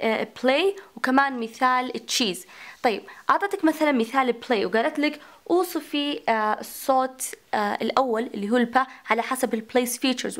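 Woman lecturer, slightly high voice, talks herself through questions. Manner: mixes English terms into Arabic, asks and answers her own questions. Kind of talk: recorded phonetics lecture.

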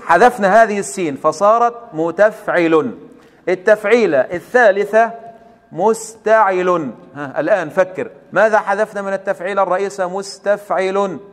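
Male teacher, Egyptian accent, high pitch, quizzes and praises, long hall reverb. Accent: Egyptian Arabic. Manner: quizzing the listener and praising answers. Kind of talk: recorded lesson.

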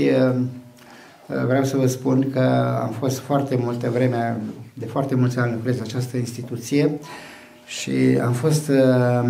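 A man's voice: medium pitch, vocal fry, dark tone, echoey room, slight background noise. A man in his sixties hosting the event, telling anecdotes in a hesitant way full of fillers. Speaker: event host. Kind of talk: storytelling speech. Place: small hall with a banner backdrop. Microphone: mic on a stand.

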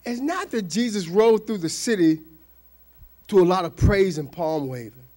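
A male pastor preaching a fervent sermon, calling for responses from the congregation and swinging between shouts and near-whispers. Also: high voice, expressive, normal speed.

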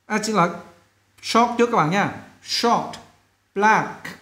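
A male English teacher explains sentence rewriting in a classroom lesson, slowing down to read each sentence aloud. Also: sits high, sharp tone, reverberant.

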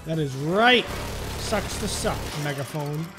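A young adult man hosts a gaming video, riffing on the gameplay in a casual, joking, playful manner that's exclamatory and mock-serious. His voice is on the high side with lively intonation, and he takes it slowly. Music plays behind him.

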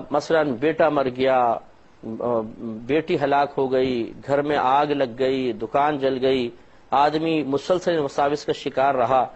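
A man's voice: a little high, a little mellow. A man, an Islamic scholar, giving a religious lecture and patiently explaining his points through step-by-step examples. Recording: slightly dull lo-fi recording.

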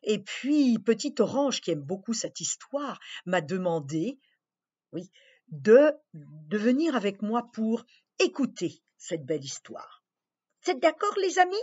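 Woman storyteller, slow, very expressive reading for kids; husky voice, lo-fi sound. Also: mid-range voice. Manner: gentle, expressive, addressing children. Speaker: children's storyteller. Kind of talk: reading a children's story aloud. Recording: dull lo-fi recording.

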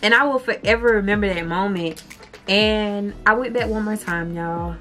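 A woman's voice: mid-range voice, moderate pace, a bit bright, faint music behind. A young woman, a beauty vlogger chatting heartfelt to her viewers, calling them "y'all.". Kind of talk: casual chat to camera.

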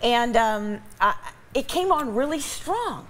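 A woman co-hosting a TV chat show, chatty and quick to react. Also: on the high side, lively intonation, fairly bright tone, slight background noise. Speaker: TV morning show co-host. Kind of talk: casual TV chat interview.

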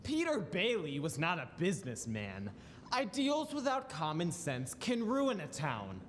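Cold old businessman villain for radio drama male actor; high, swooping, deliberate delivery, echoey auditorium. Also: huge pitch swings, slight background noise, exaggerated voice. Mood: scornful. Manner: haughty, deliberate. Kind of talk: live radio play villain. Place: large school auditorium stage.

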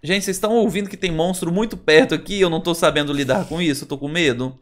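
A man's voice: fairly high pitch, fast talker, a bit bright. A Brazilian man hosting a Minecraft let's play, chatting to viewers and nervously exclaiming as he explores. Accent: Brazilian Portuguese. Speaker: gaming channel host.

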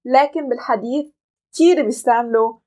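A woman with a Levantine Arabic accent giving an online language lesson, explaining step by step and slowly modelling English phrases. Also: fairly high pitch, darkish tone. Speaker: English teacher.

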